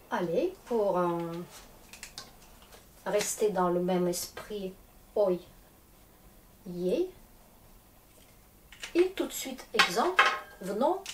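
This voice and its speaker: Slow-spoken woman teaching in an echoey room. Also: mid-range voice. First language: Russian. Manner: patient, checks understanding often. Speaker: Russian teacher. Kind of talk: classroom lesson. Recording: echoey room, distant mic, faint noise.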